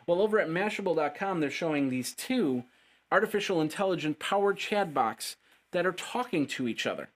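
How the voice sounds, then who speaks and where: A man's voice: fairly high pitch, animated, brisk. Chatty man hosting a tech news show. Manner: chatty, upbeat, stumbles over words. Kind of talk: casual tech news commentary.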